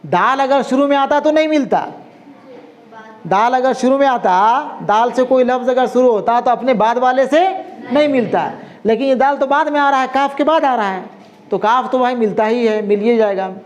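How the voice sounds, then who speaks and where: A man with a notably high voice teaching a language class. He repeats words patiently, sounds them out and keeps checking that his students follow him. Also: normal speed. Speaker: Urdu teacher.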